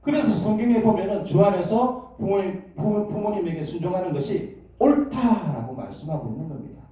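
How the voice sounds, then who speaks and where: A man's voice: high voice, animated, brisk, mellow. A man preaching a sermon in a church, drawing the congregation in with questions and calls for amens. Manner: call-and-response, asking questions and prompting amens. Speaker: pastor. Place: church sanctuary. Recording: echoey church hall, distant mic.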